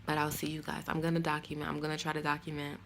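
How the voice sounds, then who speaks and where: Young woman vlogging at home, low flat voice w/ some fry, faint hum behind, talks candid. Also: rapid-fire. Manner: candid, storytelling, animated when quoting others. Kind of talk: casual vlog talk.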